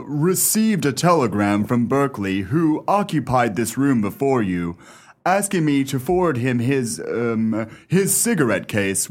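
In a radio play, an actor with a mid-range voice portrays a stuffy old English gentleman, delivering his lines in a formal, fussy, slightly faltering manner.

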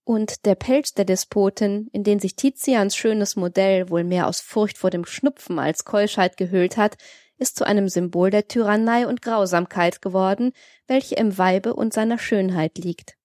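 A woman reading a domineering, mocking gentleman. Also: mid-range voice, moderate pace, no echo, studio quality, close to an everyday voice. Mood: mocking lecture. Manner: lively, ironic lecturing. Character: domineering worldly man, mocking, tyrannical toward women. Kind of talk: audiobook character reading.

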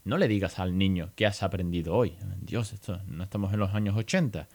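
A man with a Spain accent hosting a podcast, talking in a lively, chatty way and mixing in English phrases. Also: sits low, fairly quick. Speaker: podcast host. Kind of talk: casual podcast monologue.

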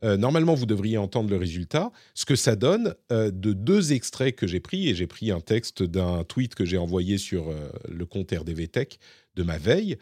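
A man's voice: lowish voice, very animated, moderate pace, dark tone, no echo, studio quality. A man hosting a casual tech podcast, chatty and explaining demos to listeners. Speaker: podcast host.

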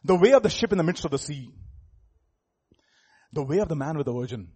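A man with an Indian accent and a husky voice preaching in an informal teaching style, repeating phrases for emphasis and putting questions to his congregation. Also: fairly high pitch, lively intonation, a little fast, darkish tone. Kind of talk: sermon with informal teaching asides.

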